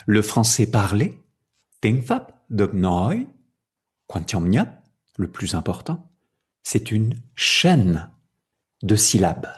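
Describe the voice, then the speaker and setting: A man teaching a lesson, speaking slowly and repeating phrases, often adding Vietnamese translations. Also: fairly low pitch, darkish tone, husky. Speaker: French teacher. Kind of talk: slow, deliberate language lesson.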